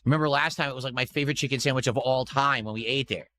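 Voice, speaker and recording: A man's voice: medium pitch, very fast, pushed and bright. A man chatting casually as a livestreamer, rambling in a blunt, gushing way.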